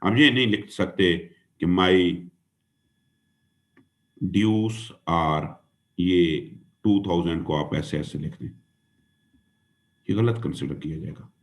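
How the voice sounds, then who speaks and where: A man from Pakistan speaks low and slow, pausing often, while lecturing his exam-prep class. He spells words out letter by letter, calls his listeners "dear student" and "son," and mixes English into the talk.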